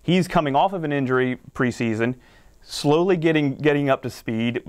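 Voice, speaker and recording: A man's voice: fairly high pitch, normal speed, smooth. A man, a fantasy sports analyst, explaining picks confidently in a studio sports talk show.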